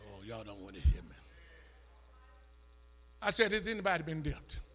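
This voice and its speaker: A man's voice: on the high side, sing-song, normal speed, a bit bright. A man preaching a sermon in a church with a Southern American accent, calling out to the congregation and rising into a sung, chanted whoop. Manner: call-and-response, dialect-rich, emotional chanting.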